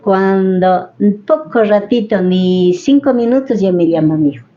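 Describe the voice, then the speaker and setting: Middle-aged Ecuadorian woman, warm low-toned voice, emotional first-person testimony, muffled radio sound. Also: expressive, measured pace. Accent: Ecuadorian Spanish. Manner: emotional storytelling, acting out the dialogue she retells. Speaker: interviewee, head of a families' association.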